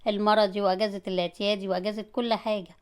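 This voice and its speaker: A woman's voice: mid-range voice, flat delivery, racing, clear, resonant tone, lightly acted. A woman doing a weary grumbling Egyptian dad. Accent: Egyptian Arabic. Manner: tired, grumbling. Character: weary father stuck home with sick kids.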